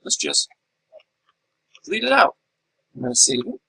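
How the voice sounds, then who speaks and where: A man's voice: high voice, wildly swooping pitch, normal speed, vocal fry, pushed and bright, slightly rough, rough recording. A middle-aged man teaching a class in a recorded lecture, explaining step by step and asking and answering his own questions. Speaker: instructor.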